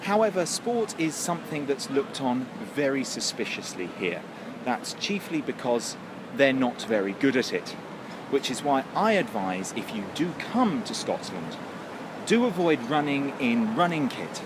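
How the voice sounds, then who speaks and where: Deadpan man in outdoor street noise. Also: medium pitch, unhurried. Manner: deadpan, mock-serious. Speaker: comic presenter. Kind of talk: mock travel report.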